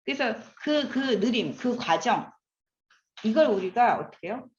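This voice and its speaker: A woman in her fifties gives an animated classroom lecture, frequently asking the audience questions. Her voice is on the high side and a little slow, and the lecture-room recording is echoey and slightly dull, with a little hiss or hum.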